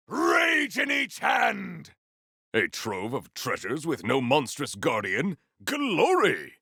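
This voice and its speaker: In a grim, brooding mood, a male actor delivers video game combat barks as a vengeful, bombastic warrior hero, with grandiose, archaic and theatrical battle cries. The high, pushed, bright voice is also gravelly and raspy, a full character voice captured at studio quality with no room sound.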